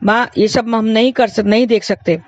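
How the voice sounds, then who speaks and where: A woman voicing a gentle, poor mother who patiently refuses her son. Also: fairly high pitch, steady tone, normal speed, no room sound, dull audio, natural voice.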